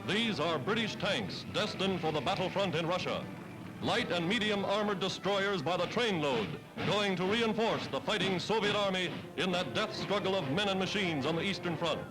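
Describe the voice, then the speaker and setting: Over rather loud music, a high-pitched American man narrates a scripted 1940s war newsreel with emphatic, declamatory flair. He sounds animated and keeps a moderate pace, and this vintage soundtrack is a low-quality recording.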